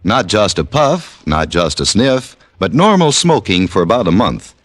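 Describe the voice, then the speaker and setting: A man with an American accent delivering a scripted old-time radio advertisement as announcer, deliberate and emphatic. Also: lowish voice, big pitch swings, breathy edge, no echo.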